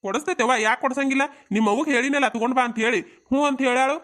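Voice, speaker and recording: A woman's voice: sits high, racing. Woman playing an easygoing cartoon village father. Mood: agreeable. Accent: North Karnataka Kannada. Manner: calm, placating.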